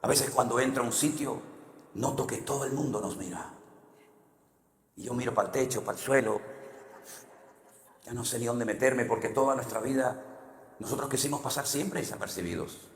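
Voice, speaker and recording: Spanish pastor preaching in an echoey hall. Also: male voice, moderate pace, long pauses. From Spain. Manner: storytelling, swings from hushed to loud and high. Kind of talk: sermon. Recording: echoey hall with long reverb.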